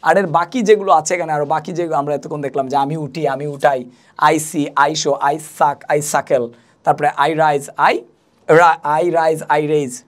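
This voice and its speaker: A woman's voice: sits low, steady tone, normal speed. A young woman teaching an English lesson, patiently repeating and spelling out each word. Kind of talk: spoken language lesson.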